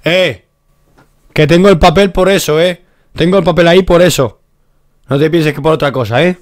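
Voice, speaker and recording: A young man from Spain with a hoarse voice, doing excitable live commentary over his gameplay, bursting into shouts. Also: a little high, normal speed. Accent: Spain Spanish. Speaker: gaming YouTuber.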